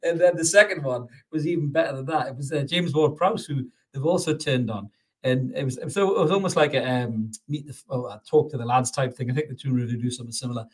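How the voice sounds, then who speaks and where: Husky and quick, this man's voice sits at a typical middle pitch. As a podcast host, he leads a loose football conversation full of swearing and laughter.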